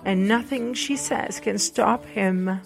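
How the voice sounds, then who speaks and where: A woman whose native language is Portuguese hosts a podcast, reading book recommendations aloud hesitantly, with fillers and restarts, over soft background music. Her voice is medium-pitched with vocal fry, and she speaks at a slow pace.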